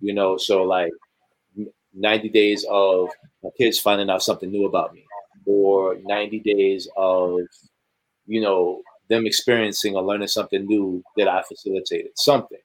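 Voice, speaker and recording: A father talking about parenting in a thoughtful, halting way on an online panel. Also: deep voice, level tone, poor audio. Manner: thoughtful, hesitant with fillers. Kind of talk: casual reflective talk.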